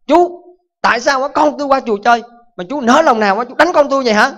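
A man's voice: high voice, a little fast, clear, resonant tone. A monk voicing an angry, hot-tempered father who threatens a young monk. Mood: indignant. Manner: shouting accusations, threatening. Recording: dull lo-fi recording.

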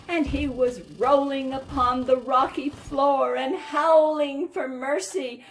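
A woman reading a classic children's story aloud with expressive, dramatic storytelling. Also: high-pitched, slight background noise. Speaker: storybook reader. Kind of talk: scripted storybook narration. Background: background music.

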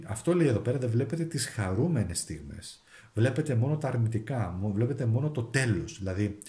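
Lively-voiced Greek man reading tarot. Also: mid-range voice, reverberant. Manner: thinks aloud while drawing and reading cards, with restarts. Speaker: tarot reader. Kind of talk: monthly tarot and zodiac forecast.

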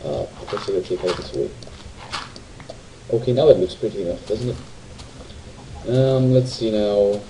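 Casual gamer guy, deep and mellow, talks to himself and the viewers, rambles. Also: measured pace, long pauses, slight background noise, poor audio. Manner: rambling, self-talking, asks viewers tag questions. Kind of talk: casual let's play commentary. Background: faint game music.

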